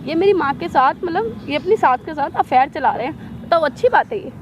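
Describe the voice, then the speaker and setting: A woman's voice: high voice, expressive, normal speed, slight background noise. A woman playing an angry wife in a staged street skit, scolding and accusing over and over, outdoors by a street. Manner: accusing, scolding, repeats herself insistently.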